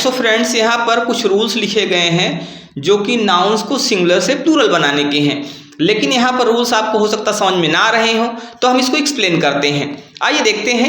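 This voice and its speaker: A man's voice: sits high, sharp tone, echoey room. A man teaching a grammar lesson, explaining step by step and asking his students questions.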